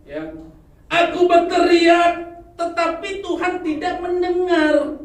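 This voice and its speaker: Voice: extremely high pitch, animated, slow pace, pitched above the performer's own voice, heavily acted. A preacher voicing a desperate male prophet who cries out to God again and again, in a sermon. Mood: pleading, desperate. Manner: shouting, pleading, repetitive cries. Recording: echoey hall, distant mic.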